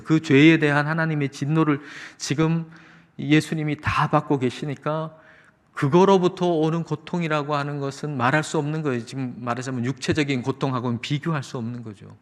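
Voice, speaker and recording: A man preaching a sermon as pastor, earnestly explaining and raising his voice when he quotes the cries of Jesus. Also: mid-range voice. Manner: earnest preaching, voice rising on quoted cries, slow drawn-out singing. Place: church sanctuary. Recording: long church reverb.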